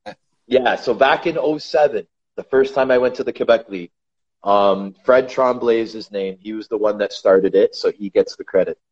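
A man's voice: fairly low pitch, normal speed. Guy chatting as a podcast guest, calls people brother, kinda muffled audio. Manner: animated, calls the host brother. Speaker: podcast guest, ice hockey enforcer. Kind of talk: casual interview storytelling. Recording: slightly dull lo-fi sound.

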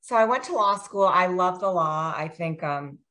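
A woman's voice: on the low side, expressive, moderate pace, fairly bright tone. An American woman in her forties, a guest author, talking in a chatty, self-deprecating way with frequent ums. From United States. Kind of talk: casual interview.

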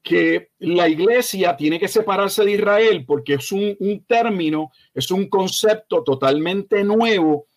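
A male pastor with a notably high-pitched voice answers questions as a guest expert. He explains in a slow, deliberate way, pausing and restarting, and firmly corrects what he calls false ideas. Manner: emphatic, corrective, measured explanation; slow, deliberate delivery with frequent hesitations. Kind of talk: teaching interview answer.

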